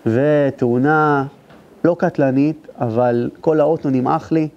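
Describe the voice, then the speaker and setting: A rabbi giving an emotional storytelling sermon to a live audience, speaking to the listeners directly and rising into intense high cries at the story's climaxes. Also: male voice, fairly even intonation, muffled recording. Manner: addresses the audience directly, urging them to listen. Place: live lecture before an audience.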